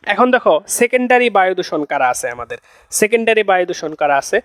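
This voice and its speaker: A young male tutor runs a chemistry lesson in a notably high voice, recorded close and dry. He says each point two or three times over and keeps coaxing his students with little check-ins. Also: very animated, a little fast, fairly bright tone, dry recording. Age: young adult. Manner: coaxing, checks in with "okay?" and "see". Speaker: admission-test tutor. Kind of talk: chemistry class lecture.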